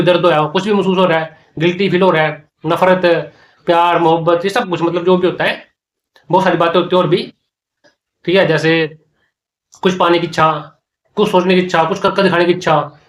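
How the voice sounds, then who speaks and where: Guy, high voice, preachy monologue, says the same thing over and over. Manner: preachy, repeats phrases often. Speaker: spiritual talk host. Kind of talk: casual spoken monologue.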